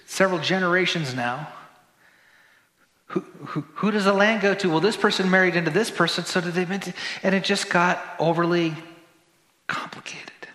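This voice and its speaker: A man's voice: sits high, sharp tone. A man preaching a sermon as pastor, talking conversationally with joking asides and repeated words. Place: church sanctuary. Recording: roomy church hall reverb.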